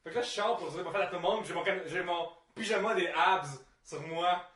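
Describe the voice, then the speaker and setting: A man with a Quebec French accent rattles through casual anecdotes at a quick pace. His voice is slightly high and comes from a little way off the mic. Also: a bit bright, far from the mic. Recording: echoey room, off the mic.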